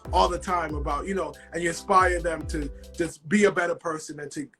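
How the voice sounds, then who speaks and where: A man's voice: a little high, steady tone, a little fast, sharp tone, soft background music. A man hosting a casual interview, eager and enthusiastic, full of "like" and "you know". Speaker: host, life coach.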